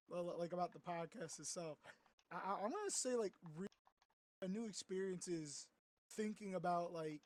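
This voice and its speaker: A young man co-hosting a casual podcast, stammering and thinking out loud. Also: sits high. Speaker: podcast co-host.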